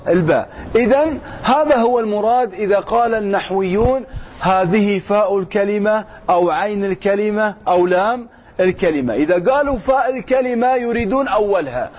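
A man teaching grammar, reading a text slowly and then explaining it while quizzing his listeners. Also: high voice, a little mellow, breathy edge. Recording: dull lo-fi sound with faint noise.

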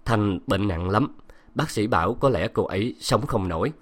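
A man voicing a calm older man who speaks slowly and gently. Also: lowish voice. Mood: somber.

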